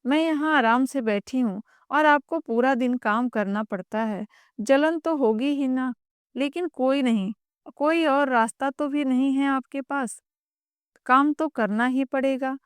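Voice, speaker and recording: A woman's voice: high voice, measured pace, clear, resonant tone, no echo, studio quality. A woman voicing a lazy, scheming young sister-in-law who talks in a mocking, shameless way. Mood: taunting.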